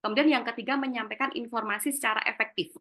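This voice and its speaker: Bright-voiced woman giving a career talk. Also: a little high, fast talker. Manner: lively, acts out short example lines. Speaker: career workshop speaker. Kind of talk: online seminar talk. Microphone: video call.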